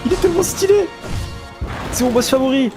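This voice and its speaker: A man giving excited, loud commentary while playing a video game, often yelping in a high voice. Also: a little fast, gravelly. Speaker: let's play gamer. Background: game music.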